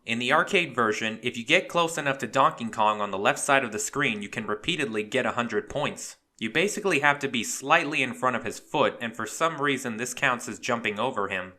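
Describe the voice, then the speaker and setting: A man in scripted narration, reading trivia in a brisk way with dry, sarcastic asides. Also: medium pitch, bright, forceful tone. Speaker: fun-facts video narrator.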